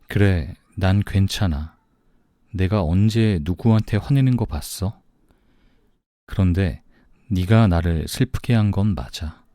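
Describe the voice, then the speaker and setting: A man voicing a soft-hearted, newly engaged young man in an audiobook, speaking gently and plaintively. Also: low-pitched, slow pace, no room sound, clean studio sound.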